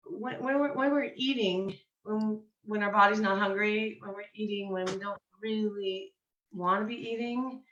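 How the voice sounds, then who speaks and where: A woman who works as a mindset coach and hypnotherapist talks hoarsely, recovering from laryngitis, in a casual live-stream chat, often repeating words as she searches for them. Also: mid-range voice, fairly bright tone. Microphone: video call. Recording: echoey, dull video-call audio.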